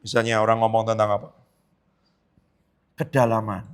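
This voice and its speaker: A man's voice: fairly low pitch, little pitch movement, normal speed, clean tone. A man pastor preaching a sermon in a conversational way, often asking the congregation questions.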